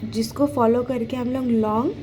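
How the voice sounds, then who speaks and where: A woman giving a patient, casual phonics lesson for parents, sounding out words slowly. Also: fairly high pitch, steady tone, noisy background. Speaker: phonics teacher. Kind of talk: casual home teaching lesson.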